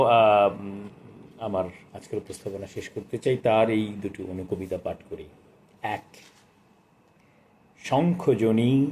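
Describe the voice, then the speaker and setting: A man in his sixties, with a lowish voice, presents a book of poetry, speaking and reciting in a measured, expressive way. His diction is formal and literary.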